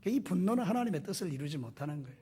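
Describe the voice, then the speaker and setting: A male pastor preaching a sermon, animated and putting questions to the congregation, with folksy, humorous stories. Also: sits high, rapid-fire, slightly rough.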